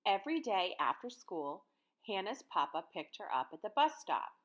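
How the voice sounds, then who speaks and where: A very animated American teacher in her thirties reads aloud and teaches young children at a moderate pace, keeping her language simple and directive. Her voice is medium-pitched and a bit bright.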